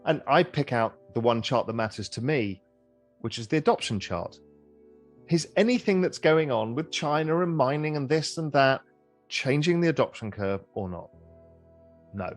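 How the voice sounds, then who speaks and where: A middle-aged man appears as an interview guest, speaking at normal speed and medium pitch with a lively, animated voice that rises and falls. He chats conversationally, repeating and restarting phrases as he thinks aloud, while faint music plays softly in the background.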